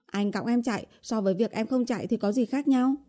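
Casting: woman reading a pleading young woman in an audiobook, coaxing and whiny, with a mellow dark tone. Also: a little high, brisk, voice pushed up, close to an everyday voice. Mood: insistent. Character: young woman, coaxing and whiny, sweet-talking her boyfriend. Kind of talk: audiobook character voice.

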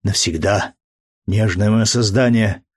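A man reading an audiobook, voicing an earnest, emotional young man deeply in love in a fervent, slow delivery. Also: husky, dry recording, studio quality.

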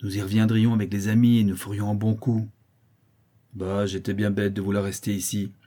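A man's voice: on the low side, flat delivery, fairly quick, mellow, close to an everyday voice. A man voicing a blind, brutal old brigand who growls about revenge. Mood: wheedling. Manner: growling, bitter, menacing.

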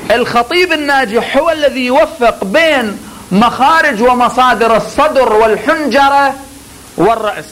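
High-voiced man teaching oratory. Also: normal speed, rough recording. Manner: lively and instructive, drawing out words to demonstrate delivery; addresses students directly with joking asides. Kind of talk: classroom lecture with spoken demonstrations.

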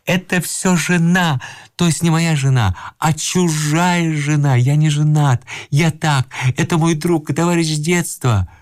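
A man voicing a panicked gentleman caught under a bed, pleading and sobbing as he explains himself. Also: deep voice, a little fast, dry recording, clean studio sound.

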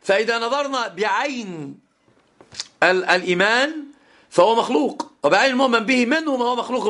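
A middle-aged man teaching a classroom lesson as an Islamic scholar, his voice pitched notably high for a man. He drives points home by repeating phrases and drawing out key words. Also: fairly bright tone. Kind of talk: classroom lecture on legal theory.

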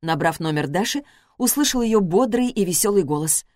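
Brief: female audiobook narrator, lowish voice, dry close booth sound. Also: no room sound. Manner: measured, expressive.

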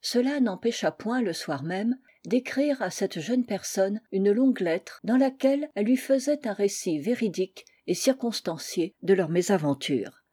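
Woman, audiobook reader, mellow warm tone, even storytelling, light character voices. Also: mid-range voice, moderate pace, few pauses, slightly rough. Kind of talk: reading a short story aloud.

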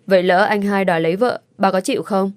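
A woman's voice: mid-range voice, steady tone, fast talker, smooth, no echo, natural voice. A woman voicing a playful, teasing young daughter in a storybook reading, speaking in a cheeky, coaxing way. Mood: probing. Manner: cheeky, pleading, sulky.

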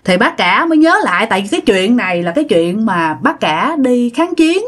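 A woman's voice: on the high side, big pitch swings, normal speed. A woman telling a ghost story in a chatty way, speaking straight to her listeners. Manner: chatty, addresses listeners directly. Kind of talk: casual ghost-story narration.

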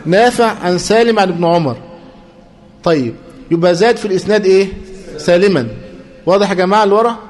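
Egyptian male teacher, high-pitched, drills students with prompting questions. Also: fast, long pauses, a little mellow. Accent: Egyptian Arabic. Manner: repetitive, prompts students to finish sentences. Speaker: teacher of hadith terminology. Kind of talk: classroom lecture with call-and-response questions.

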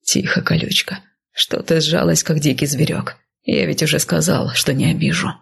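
A woman reading an audiobook, voicing a large, brash, teasing nobleman husband in a low, hushed tone. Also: fairly even intonation, normal speed, vocal fry, breathy edge, full character voice.

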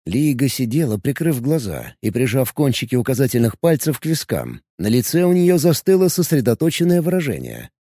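A man narrating an audiobook in an even, unhurried storytelling manner. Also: medium pitch, dry recording, studio quality. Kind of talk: scripted narration.

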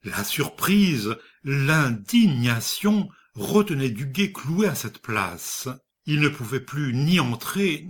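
Male audiobook reader, unhurried and measured, plain middle voice for story narration. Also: mid-range voice, fairly bright tone. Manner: slow, measured reading. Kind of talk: scripted narration of a short story.

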